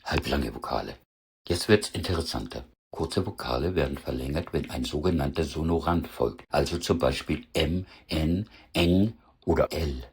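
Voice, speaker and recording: A man with a northern German accent teaching a dialect lesson, pronouncing example words slowly and carefully. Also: very deep voice, slightly rough. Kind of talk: explanatory lesson with spoken word examples.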